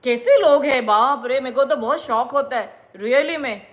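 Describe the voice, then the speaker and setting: Woman vlogger, middle-aged, high pitch, indignant and lecturing. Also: expressive, a little slow. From India. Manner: indignant, lecturing, repeats herself. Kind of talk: scolding monologue to viewers.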